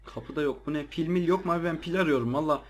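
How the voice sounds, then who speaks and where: This gamer's voice is a little high and fast. Doing a let's play of a horror game, he talks to viewers in a casual, slangy way and startles easily.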